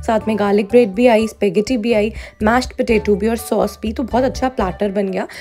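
A woman with a fairly high, dark-toned voice records a casual voice-over reviewing a cafe as a vlogger. She switches between Hindi and English, and background music plays behind her.

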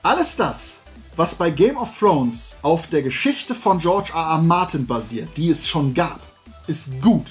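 Soft background music plays as a toy collecting channel's YouTube host talks to the camera in a small room with toy-lined shelves. His voice is a little high and a little slow, and he rambles in an animated, casual, opinionated way, colloquial and emphatic.

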